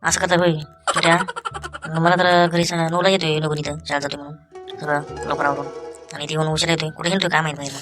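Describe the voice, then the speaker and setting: Woman as an irritated cartoon father, brisk and low, over background music. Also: level tone, natural voice. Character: annoyed cartoon father of a schoolboy.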